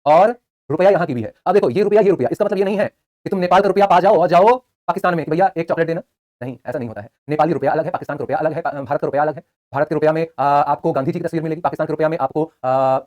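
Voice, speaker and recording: A man's voice: a little high, very fast, darkish tone. A young man teaching a live online class, chatty, joking between facts and repeating answers for students.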